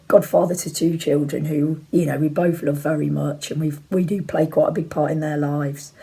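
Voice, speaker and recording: A woman in her forties with a croaky voice, under the weather, chatting casually and candidly to camera as she answers viewer questions in a rambling way. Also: sits low, darkish tone. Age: 40s. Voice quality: croaky, husky. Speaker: video blogger. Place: bedroom at home, indoors.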